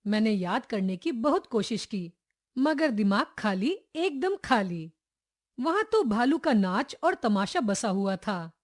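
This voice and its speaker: A woman's voice: fairly high pitch, slow. A woman reading a humorous children's story aloud from a school textbook, voicing each character as she goes. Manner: expressive, acts out each character's lines. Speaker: textbook chapter reader.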